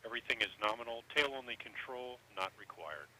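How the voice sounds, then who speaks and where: A man's voice: mid-range voice, a little fast. Man, mission control radio operator; crackly space-comm transmission with hiss behind, clipped procedural delivery. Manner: calm, clipped procedural callouts. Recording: noisy air-to-ground radio link.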